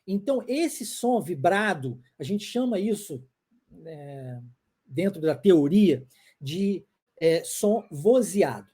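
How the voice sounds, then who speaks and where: Husky, lively Brazilian woman teaching. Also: on the low side, slow pace. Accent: Brazilian Portuguese. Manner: repeats examples and checks in often with the viewers. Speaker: English teacher. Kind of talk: live online pronunciation lesson.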